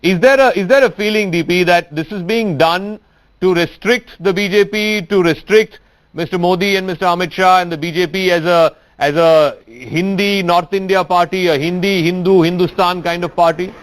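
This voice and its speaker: A male news anchor moderates a heated panel from the studio. His voice is high for a man, and he presses his guests with pointed questions. He cuts in again and again to steer the debate. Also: steady tone, normal speed.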